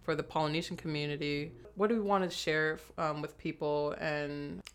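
A woman's voice: low voice, fairly even intonation, moderate pace, clean tone. A young woman with an American accent co-hosting a podcast in casual, slangy, informal chat. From San Francisco Bay Area, USA. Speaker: podcast co-host.

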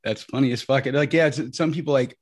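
Chill guy on a podcast, mid-pitch voice, swears casually, kinda rambly. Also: quick pace. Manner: easygoing, profane, a bit rambling. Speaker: podcast co-host. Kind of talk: casual chat.

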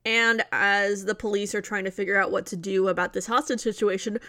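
A woman co-hosting a podcast, recapping a movie plot in casual chat with wry, deadpan asides. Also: medium pitch, a little fast, dry recording, studio quality. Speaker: podcast co-host.

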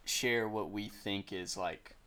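A young man co-hosts a casual podcast chat, speaking slowly in a voice on the low side, swearing freely and often trailing off mid-thought. Crowd noise fills the background.

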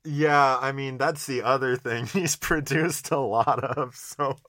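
A man's voice: medium pitch, steady tone, measured pace, sharp tone, dry recording, studio quality. A man chatting casually as a podcast co-host, rambling hesitantly with lots of "like" and laid-back slang. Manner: hesitant, rambling, heavy use of "like". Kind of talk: casual banter, fantasy draft commentary.

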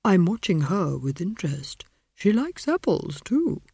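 A woman's voice: lowish voice, sing-song, unhurried, dark tone, husky, no room sound, clean studio sound, full character voice. Give me a sarcastic, lecherous old wizard-tree, as a woman puts him on, drawling and smug. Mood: sardonic.

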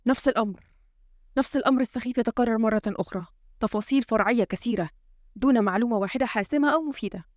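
A woman's voice: a little high, rapid-fire, a little mellow, dry recording, studio quality, natural voice. A woman reading an audiobook, voicing a frustrated male president who gives urgent orders. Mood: irritated. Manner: urgent, commanding. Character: tense, frustrated male head of state.

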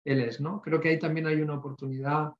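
Higher-voiced man in an echoey room. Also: little pitch movement, quick pace. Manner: reflective, frequent tag questions and English tech terms. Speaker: panel participant. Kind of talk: informal expert discussion. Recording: echoey room, dull lo-fi audio.

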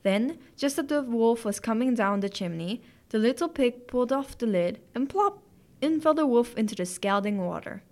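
A woman narrating classic fairy tales as a podcast host, in a clear, gentle storytelling manner. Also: a little high, expressive, moderate pace.

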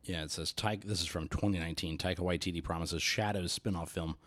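A man's voice: deep voice, fairly even intonation, fast, a bit bright, no room sound. A man co-hosting a podcast in casual chat, joking around and laughing often. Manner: jokey, laughs often, throws in silly bits. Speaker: podcast co-host.

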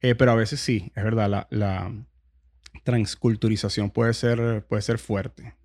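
A man's voice: fairly low pitch, steady tone, a little slow, darkish tone. A man hosting a casual podcast interview, often repeating words as he searches for what to say. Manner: hesitant, repeats words while searching for them. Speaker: podcast host.

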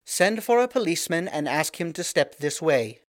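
A man's voice: a little high, very animated, normal speed, no echo, clean studio sound, voice pushed up. A man voicing a proud young queen in a storybook reading, speaking in a haughty, commanding way.

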